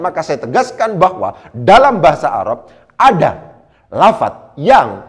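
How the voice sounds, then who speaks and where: A man teaching Quran Arabic grammar in a lively lecture, his somewhat high voice swinging widely up and down. He speaks with a lilt and keeps asking his listeners rhetorical questions. He slows right down to recite verses. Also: breathy edge.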